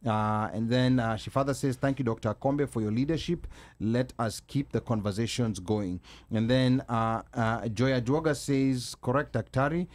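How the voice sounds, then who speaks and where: A man with a Kenyan accent and a medium-pitched voice hosts a live call-in show. His delivery is halting, with many ums and small pauses as he addresses the audience. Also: darkish tone. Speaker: talk show host.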